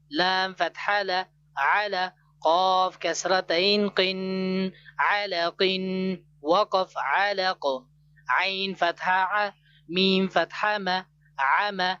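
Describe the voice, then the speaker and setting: Slow, measured Quran teacher spelling aloud. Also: medium pitch, bright, forceful tone. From Pakistan. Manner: measured, repetitive letter-by-letter recitation. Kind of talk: slow spelling drill for beginners. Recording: slightly muffled with faint hum.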